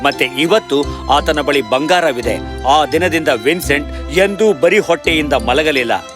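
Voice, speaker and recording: A man narrating a children's fairy tale in a steady, clear storytelling voice. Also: fairly high pitch, a little slow, music in the background.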